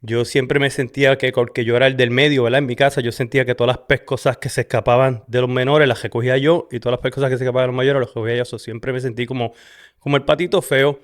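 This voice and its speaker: A man's voice: mid-range voice, little pitch movement, fast. Puerto Rican man telling his story. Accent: Puerto Rican Spanish. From Puerto Rico. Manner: conversational, frequent "¿verdad?" and Spanglish "so". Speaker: podcast host. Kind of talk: personal testimony, casual storytelling. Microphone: studio camera setup.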